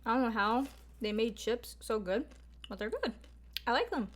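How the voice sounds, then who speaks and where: A young woman's expressive, higher-pitched voice comes at a moderate pace over a faint hiss or hum. She eats on camera in a casual mukbang, chatting informally to viewers with many fillers and mild swearing.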